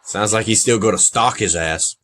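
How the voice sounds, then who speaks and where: A man hosting a casual podcast review, talking in an animated way, reading results aloud and laughing often. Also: on the low side, normal speed. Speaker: podcast host.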